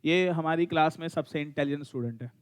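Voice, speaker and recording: A middle-aged Indian-accented man lecturing a classroom on law. His voice sits fairly high for a man. He mixes in English, fires questions at students and teases them. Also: quick pace, clear, resonant tone. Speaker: law teacher.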